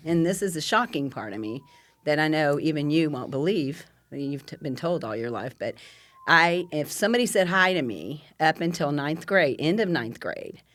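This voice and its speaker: A woman's voice: low voice, animated, moderate pace, a bit bright, dry recording. An older woman, the host's mother, telling stories in a casual podcast chat and laughing often. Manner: chatty storyteller, laughs often, many fillers.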